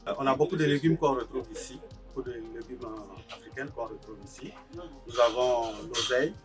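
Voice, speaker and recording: A farm co-founder and agricultural technician from Burkina Faso speaks at normal speed in a medium-pitched voice. His interview testimony is hesitant and full of fillers, captured by a somewhat distant mic with faint music playing under it.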